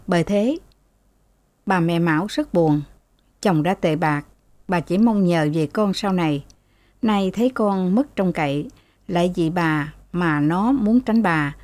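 A woman narrating a novel as an audiobook in a steady, even storytelling voice. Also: on the low side, no echo.

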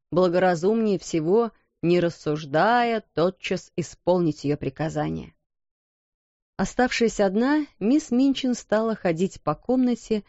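A woman narrating a storybook in an even, measured way, recorded dull and dry. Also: medium pitch, no room sound. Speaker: audiobook narrator.

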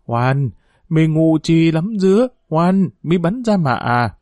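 A man's voice: medium pitch, expressive, normal speed, dark tone, husky, no echo, studio quality. A man voicing a fierce old village mother. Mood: furious. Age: older. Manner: pleading, scolding village mother.

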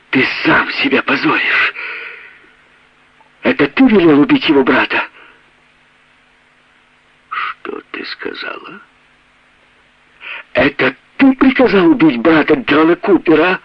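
A man's voice: sing-song, normal speed, long pauses, husky, no echo, exaggerated voice. A man putting on a hysterical giggling woman. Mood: mocking. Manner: shrill, mocking, near laughter and tears. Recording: dull lo-fi audio.

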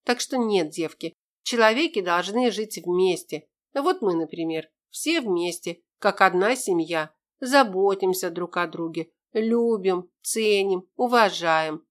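A tough woman soldier with a soft heart , as a woman narrating a storybook puts her on. She speaks in a plain, earnest way, in a voice of middle pitch. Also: animated, measured pace, hardly any pauses, close to an everyday voice.

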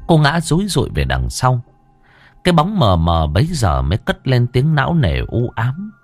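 A man tells a ghost story, his pitch climbing and falling widely. His delivery swings from hushed to lively. The recording is close and dry. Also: moderate pace, dry recording, soft background music. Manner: expressive, shifting between hushed and lively. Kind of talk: scripted narration of a ghost story.

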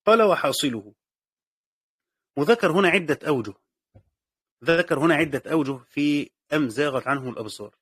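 A man's voice: a little high, animated, brisk, pauses often, fairly bright tone, breathy edge, dry recording, studio quality. A man with an Egyptian accent teaching a lesson on Quranic exegesis. He explains step by step, repeats key phrases, and asks and answers his own questions. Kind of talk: classroom lesson commentary.

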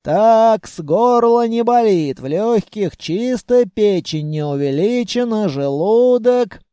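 A man's voice: high-pitched, expressive, slow pace, dark tone, clear, resonant tone, no room sound, pitched above the performer's own voice. A man voicing a stern, fussing old grandmother who heals by magic in an audiobook. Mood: bossy. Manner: scolding, commanding.

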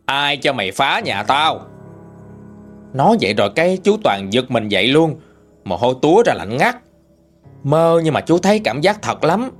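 A man with a Southern Vietnamese accent narrating a ghost story in a chatty, folksy way. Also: mid-range voice. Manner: lively, chatty folksy telling.

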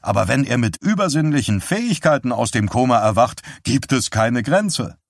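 A man's voice: mid-range voice, lively intonation, normal speed, dry recording, studio quality. A man voicing a cheerfully condescending middle-aged husband in an audiobook, jovial and patronizing. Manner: jovial, patronizing, barking laugh. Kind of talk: audiobook character reading.

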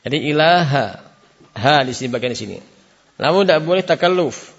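A man teaching a beginners' Quran recitation class, sounding out letters, having students repeat and chanting verses slowly as examples. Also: on the high side, animated, lo-fi sound. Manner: chants verses slowly to show right and wrong. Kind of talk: classroom tajwid lesson. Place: Islamic boarding school class.

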